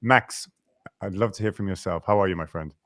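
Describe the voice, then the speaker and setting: A man with a very low voice hosts a live webinar. He talks over a video call in a dry, close sound, and he is lively and chatty as he greets viewers and runs through slides. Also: fairly quick, no room sound. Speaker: webinar host.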